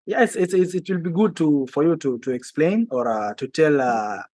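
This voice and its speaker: A man hosts an interview in a dry, close sound. He talks haltingly, repeating words and filling pauses as he hunts for his questions. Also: a little high, expressive, a little mellow, no echo. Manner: hesitant, repeats words, many fillers. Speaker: podcast host. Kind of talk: hosting an interview.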